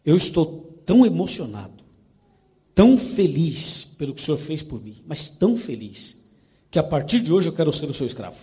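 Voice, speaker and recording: A man, preaching, voices a freed slave, wary at first and deeply moved, in a sermon parable. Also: very animated, moderate pace, dark tone. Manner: suspicious and emotional.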